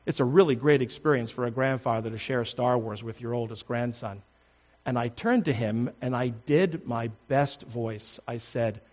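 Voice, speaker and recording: An older man, a pastor, preaching a sermon in a measured, deliberate way, stressing words one by one. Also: mid-range voice, muffled recording.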